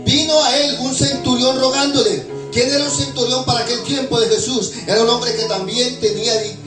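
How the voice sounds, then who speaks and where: A man's voice: very high-pitched, steady tone, a little fast. A male pastor preaching a sermon, asking the congregation to answer back in call and response. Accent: Latin American Spanish. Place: church hall. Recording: echoey hall, distant mic, music behind. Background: background music.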